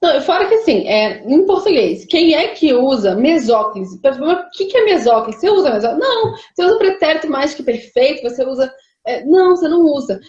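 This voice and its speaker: A woman from Brazil, hosting a live stream in casual chat, who argues in an animated way with rhetorical questions. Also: sits high, brisk, reverberant, highs cut off.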